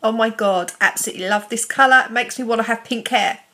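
A woman's voice: a little high, fast, bright, forceful tone. A woman, chatting casually to camera at home and rambling a little. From England. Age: 30s. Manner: chatty and rambling, fond baby talk to her cats. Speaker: vlogger. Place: her home, indoors.

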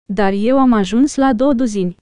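A woman voicing a proud male elf archer in an audiobook, competitive and measured. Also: fairly high pitch, dark tone, clean tone, no echo, close to an everyday voice.

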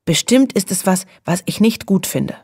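A woman's voice: mid-range voice, expressive, normal speed, darkish tone, husky. A woman voicing a timid, cautious young girl who talks in a worried, grumbling, reluctant way.

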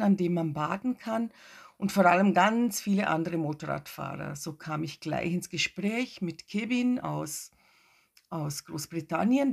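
A woman in her forties narrating her motorcycle trip in a relaxed, chatty way, with fillers and restarts. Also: medium pitch, creaky. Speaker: motorcycle travel vlogger. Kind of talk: casual travel narration.

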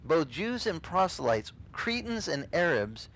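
A middle-aged man, whose first language is not English, preaches an animated and casual sermon outdoors on a beach, gesturing and acting out the voices he quotes. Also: on the high side, a little slow, rough recording. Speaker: pastor.

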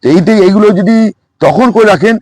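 A man who runs a plant nursery, explaining in a quick, excited, repetitive way in a casual chat outdoors at his nursery. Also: high voice, dry recording.

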